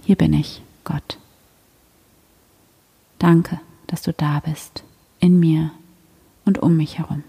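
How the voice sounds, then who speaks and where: A woman leading a guided meditation in a gentle, hushed, soothing manner like a sleep story narrator, with long pauses. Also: sits low, level tone, vocal fry, slightly rough. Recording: long hall-like reverb.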